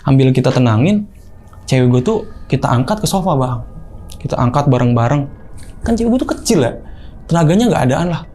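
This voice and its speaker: A young man casually telling a story, animated and acting out other people's voices. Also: mid-range voice, a little fast, slight background noise. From Indonesia. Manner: animated, acts out quoted voices. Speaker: guest storyteller.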